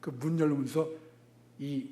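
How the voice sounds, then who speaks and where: A middle-aged man preaching a sermon as pastor, telling a personal story with sudden loud bursts and asides to the congregation. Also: on the high side, steady tone, takes it slowly.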